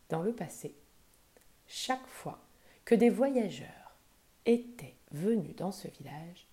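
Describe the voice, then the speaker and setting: A woman gently reading a children's wisdom tale aloud, soft and expressive. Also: mid-range voice. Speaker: storyteller.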